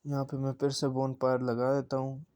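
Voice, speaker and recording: A man's voice: mid-range voice, monotone, brisk, a little mellow, clear, resonant tone. A man giving a casual gameplay commentary voice-over, recounting his match and talking straight to the viewers. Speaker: gaming channel creator.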